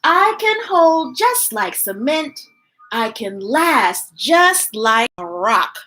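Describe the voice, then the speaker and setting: Taking it slowly in a slightly high voice, a woman reads picture books aloud for a children's story time. Her reading is expressive, and her chat with viewers is playful, gushing and animated.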